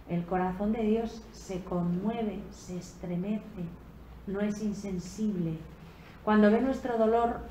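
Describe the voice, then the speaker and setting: A woman giving a slow, reflective sermon on a Gospel passage at a retreat, rising in emphasis on key phrases. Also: medium pitch, dark tone. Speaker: preacher giving a retreat talk. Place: convent retreat room. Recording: echoey room with faint background noise.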